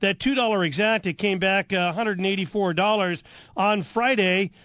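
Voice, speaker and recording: High-pitched radio host guy going hoarse, rambly with lots of uhs, dry sound. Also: normal speed, fairly bright tone, dry recording. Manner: rambling, with frequent fillers. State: losing his voice. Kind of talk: casual radio talk. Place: radio studio at a ballpark.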